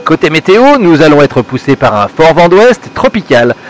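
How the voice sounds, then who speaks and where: A man's voice: fairly high pitch, very animated, moderate pace, slight background noise. A man hosting a podcast, delivering its opening as a formal airline captain's cabin announcement in a stately, ceremonious way. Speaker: podcast host.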